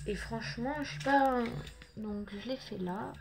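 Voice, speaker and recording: A French woman vlogger talks unhurriedly through her makeup haul, her voice a touch high. She hesitates often, restarts sentences and apologizes along the way. A faint hiss of background noise sits under the recording. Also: measured pace, gravelly. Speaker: beauty vlogger. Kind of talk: casual makeup haul chat.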